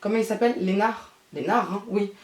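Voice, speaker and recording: A woman's voice: medium pitch, brisk, a little mellow, far from the mic. A woman from France chatting casually in a beauty vlog, rambling on as she does her makeup. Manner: rambling, talks while doing her makeup. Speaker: beauty vlogger. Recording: echoey room, voice off-mic.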